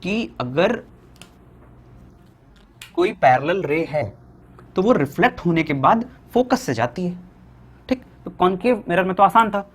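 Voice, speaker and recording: A young Indian man teaching a physics lesson at a board, asking questions and answering them himself, slowing down to dictate definitions. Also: sits high, animated, slightly rough. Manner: asks students questions and answers them himself, repeating key points.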